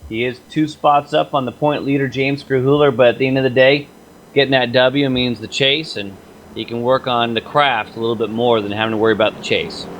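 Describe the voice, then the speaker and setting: A male color commentator with a mid-range voice, measured and analytical in his breakdowns. Steady background noise sits clearly under his voice. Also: mid-range voice. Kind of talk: sim racing color commentary.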